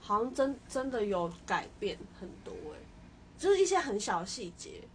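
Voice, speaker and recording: A woman's voice: mid-range voice, big pitch swings, moderate pace, slight background noise. A young woman co-hosting a podcast, talking reflectively and hesitantly in casual chat. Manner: reflective, hesitant, with frequent restarts. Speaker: podcast co-host.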